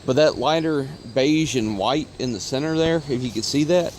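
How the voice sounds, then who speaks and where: An Ohio man who hosts auto parts videos talks casually to his phone camera outdoors in the sunshine, rambling with lots of fillers and corrections. His medium-pitched voice moves at a normal speed, with a little hiss or hum on the recording.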